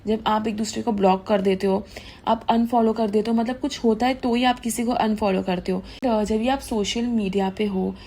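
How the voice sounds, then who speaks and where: A woman's voice: fairly high pitch, steady tone, moderate pace, dark tone. A young woman giving casual, indignant gossip commentary, switching freely into English. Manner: chatty, mixes English into Hindi, indignant gossip. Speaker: commentary vlogger.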